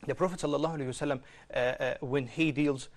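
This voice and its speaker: A young man from Egypt, a guest on a studio panel, speaks haltingly with frequent fillers. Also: on the high side, steady tone. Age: young adult. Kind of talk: panel discussion. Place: television studio.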